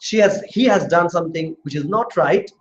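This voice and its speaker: In roomy, dull lo-fi classroom audio with slight background noise, a man with a fairly high voice and lively intonation teaches law at a normal speed. The tutor explains step by step and questions his students throughout the lecture.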